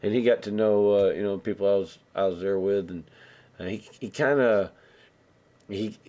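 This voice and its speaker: A man's voice: on the low side, fairly even intonation, normal speed, warm tone, highs cut off. A man hosting a live stream, telling a long story in a loose, rambling way, with restarts and acted-out bits of dialogue. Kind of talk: casual storytelling.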